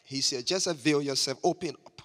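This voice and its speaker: A man's voice: fairly high pitch, fairly quick, a bit bright. A man from Liberia, giving an emphatic sermon as a guest preacher and having the congregation repeat phrases after him. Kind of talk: church sermon. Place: church sanctuary. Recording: long church reverb.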